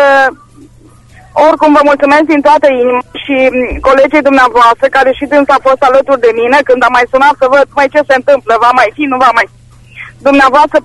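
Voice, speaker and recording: Woman caller, high and dry, grateful, hesitant, phone line. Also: no room sound. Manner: emotional, grateful, hesitant with many fillers. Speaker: radio contest winner caller. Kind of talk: phone call to a radio show.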